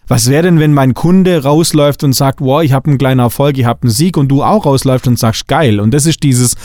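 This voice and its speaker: A man's voice: mid-range voice, fairly quick, a little mellow, no room sound, studio quality. A middle-aged man from Swabia hosting a coaching podcast, talking bluntly and emphatically, hammering his points home. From Swabia, Germany. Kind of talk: spiritual coaching podcast monologue.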